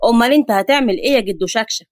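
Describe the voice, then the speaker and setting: A cheeky, sarcastic young Egyptian man, played by a woman narrating, teasing his grandfather in a quick, mocking tone. The storybook reading is close and dry. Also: fairly high pitch, dry recording, natural voice. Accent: Egyptian Arabic.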